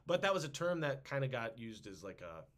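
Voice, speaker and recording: A man's voice: mid-range voice, brisk. A man hosting a casual history podcast, joking around and slipping into silly voices. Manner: animated, jokey, puts on silly voices. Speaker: podcast host.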